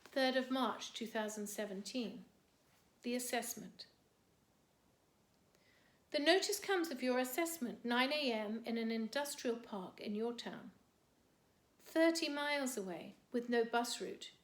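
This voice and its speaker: A woman's voice: a little high, animated, unhurried, long pauses. Woman reading poetry in a roomy space. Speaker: poet reading her own work. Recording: roomy echo.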